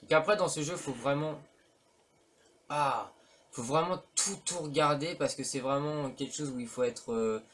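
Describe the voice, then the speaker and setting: A man's voice: on the high side, normal speed, fairly bright tone. A man giving casual, rambling commentary on a horror video game, full of hesitations and slang. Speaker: let's play commentator. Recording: faint background noise.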